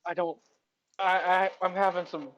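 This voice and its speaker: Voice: mid-range voice, little pitch movement, moderate pace, fairly bright tone, dull audio. Informal game player on a noisy mic. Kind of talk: casual table-talk among game players.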